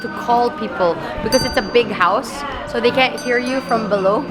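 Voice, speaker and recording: A woman's voice: a little high, moderate pace, heavy background noise. A young woman from the Philippines chatting casually as a travel vlogger, playful and easily delighted. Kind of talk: casual travel vlog narration.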